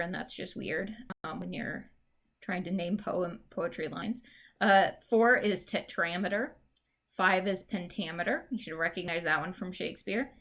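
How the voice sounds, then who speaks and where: Casting: woman teacher, low-ish voice, chatty lecture style, plenty of "um"s. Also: a bit bright. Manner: chatty, explains step by step with many fillers. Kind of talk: classroom lecture.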